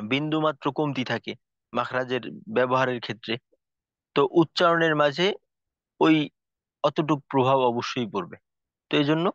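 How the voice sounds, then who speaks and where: A man teaching a tajweed lesson, explaining slowly and carefully with frequent pauses and fillers. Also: mid-range voice, a bit bright, dry recording. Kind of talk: recorded lesson lecture. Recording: dull lo-fi recording, dry.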